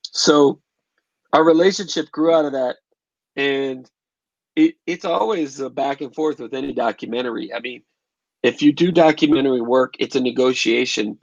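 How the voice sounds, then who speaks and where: A man's voice: medium pitch, normal speed, gravelly, no echo, lo-fi sound. A man filmmaker answering interview questions in a thoughtful, conversational way, often restarting his phrases. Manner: thoughtful, restarts phrases while recalling events. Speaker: documentary filmmaker and photographer.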